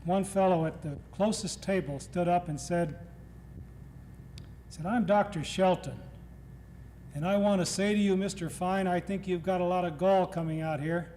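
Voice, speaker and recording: A middle-aged man from Nashville, Tennessee, speaks in a high, warm voice with fairly even intonation and a moderate pace. As a guest lecturer, he gives a humorous talk to an audience in a lecture hall, telling stories and acting out what others said. The old tape is reverberant with faint noise.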